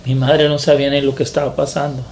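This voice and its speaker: A man, a preacher, telling his testimony in a sermon in an earnest, halting way that repeats words. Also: medium pitch, flat delivery, vocal fry, darkish tone, a little hiss or hum.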